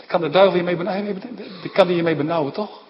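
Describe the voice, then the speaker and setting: A man preaching a sermon in speech, animated and emphatic, often asking his listeners short questions. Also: sits high, fast talker. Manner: animated, rising to emphatic outbursts, frequent tag questions. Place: church. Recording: dull lo-fi recording in a reverberant hall with faint background noise.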